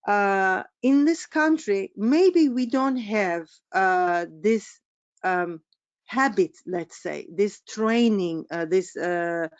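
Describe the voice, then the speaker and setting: A woman's voice: medium pitch, takes it slowly, no room sound, dull audio. A middle-aged woman from Turkey with a Turkish accent, giving a webinar presentation as a business coach, hesitant with many fillers.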